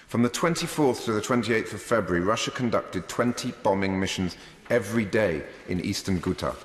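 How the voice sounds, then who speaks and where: A man with a British accent delivers a formal parliament speech in a low register. His phrasing is measured and rhetorical, with deliberate emphasis. The large chamber adds strong echo and a long tail of reverb. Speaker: member of parliament making a speech. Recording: echoey hall, long reverb.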